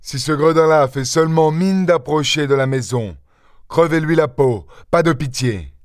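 A man voicing a gruff, hot-tempered older farmer who blusters and shouts, recorded dry. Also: a little high, normal speed, dry recording, voice pushed up, lightly acted. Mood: gloating.

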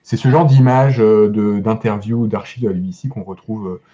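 A man's voice: lowish voice, normal speed, dark tone, lo-fi sound. A man co-hosting a podcast, talking casually about documentary films, often stopping to restart his words. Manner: hesitant, many restarts and fillers. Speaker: podcast co-host. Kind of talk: casual discussion.

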